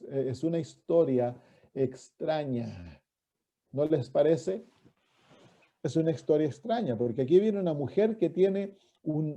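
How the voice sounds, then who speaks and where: A man with a slightly high, warm voice preaches a sermon as a pastor, reading from scripture and putting questions to his listeners. The recording is dull and lo-fi.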